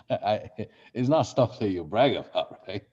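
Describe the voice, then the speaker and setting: A man's voice: fairly low pitch, lively intonation, a little slow, a little mellow, husky, muffled recording. A man who grew up in Brazil, leading a real estate marketing workshop in a conversational way and asking the group questions. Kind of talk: interactive workshop teaching.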